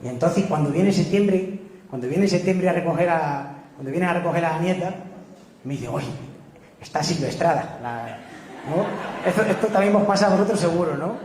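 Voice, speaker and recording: A man's voice: a little high, normal speed, a little mellow, a little hiss or hum. A man giving a public talk, telling anecdotes and keeping checking in with the audience. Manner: storytelling, keeps asking "¿no?" to the audience. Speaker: speaker at a public talk on local speech. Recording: echoey hall, faint room ambience.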